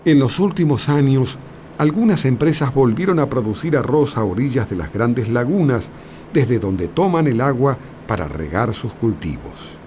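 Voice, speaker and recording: A man narrating a scripted nature documentary in a measured, explanatory way. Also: mid-range voice, expressive, warm tone, slight background noise. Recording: music behind the voice. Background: background music.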